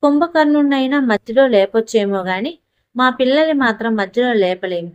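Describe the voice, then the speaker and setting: A woman reading a first-person story aloud in a steady, even narrating voice. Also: fairly high pitch, moderate pace, no echo, lo-fi sound. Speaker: audiobook narrator.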